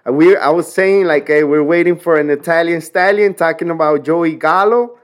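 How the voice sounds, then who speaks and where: A man co-hosting a casual sports podcast, excitable and slangy. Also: on the high side, moderate pace. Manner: excitable, slangy, says bro and dude often. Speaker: podcast co-host.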